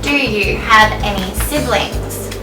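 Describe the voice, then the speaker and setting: A woman's voice: medium pitch, slow pace. A young Australian woman in her twenties, chatting casually as a vlog co-host, filling her talk with "like". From northern New South Wales, Australia. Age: 20s. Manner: chatty, full of "like" fillers. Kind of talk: casual chat. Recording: roomy sound, mic at a distance, music under.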